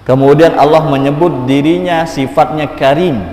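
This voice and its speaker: A man giving an emotive sermon, swinging between loud exhortation and hushed pleading. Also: a little high, steady tone, moderate pace. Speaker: preacher. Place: mosque hall. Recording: roomy echoing hall, faint ambience.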